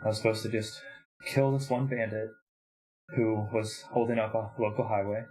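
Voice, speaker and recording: Tearful skeleton rat ranger, a little low, as a man plays him, halting delivery for a tabletop game. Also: fairly even intonation, mellow, close to an everyday voice, poor audio. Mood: shaky grief. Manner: shaky, tearful, halting storytelling. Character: grieving male rat-folk skeleton ranger, shaky.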